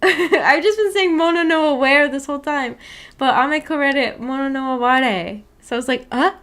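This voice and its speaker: A woman whose voice sits high and sounds fairly bright hosts a visual novel book club livestream at a moderate pace. In relaxed chat, she reads viewers' comments aloud, giggling, rambling and making fun of herself.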